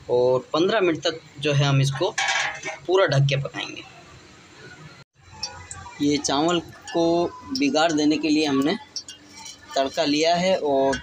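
A man's voice: fairly high pitch, background noise. A man hosting a home cooking channel, talking through each step of a recipe in a casual, chatty way with frequent filler phrases.

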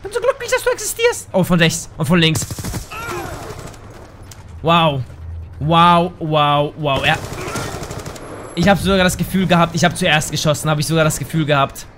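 A man giving casual gameplay commentary, excitable, yelping and swearing at the game into a desk microphone at home. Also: fairly high pitch, unhurried, long pauses, slight background noise. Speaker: gaming YouTuber.

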